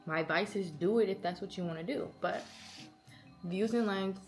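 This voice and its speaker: A woman's voice: medium pitch, moderate pace. Playful young woman chatting over music. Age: early 20s. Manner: animated, slangy, playful. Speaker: content creator hosting a Q&A. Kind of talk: casual chatty Q&A.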